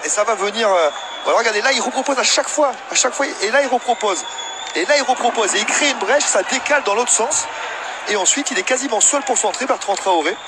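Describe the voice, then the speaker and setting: A man's voice: very high voice, expressive, fast. A man analysing football replays live, explaining and repeating his points for emphasis. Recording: loud stadium crowd noise behind. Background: football crowd.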